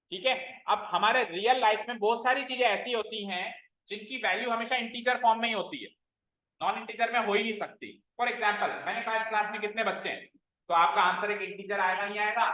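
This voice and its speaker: A man teaching maths to a class, stern and repetitive, quizzing his students as he explains. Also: high-pitched. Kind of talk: classroom lecture. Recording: roomy, dull lo-fi classroom recording.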